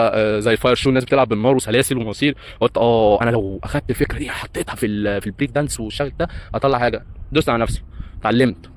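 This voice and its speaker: A man in his thirties with an Egyptian Arabic accent, a breakdancer and hotel entertainer telling his life story in a rambling way, with lots of hesitant fillers. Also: lowish voice. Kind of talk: casual life-story monologue.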